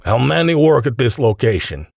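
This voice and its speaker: A man's voice: medium pitch, sing-song, moderate pace, creaky, darkish tone, no room sound, studio quality, pitched above the performer's own voice. A man doing a jovial, stiffly formal scientist.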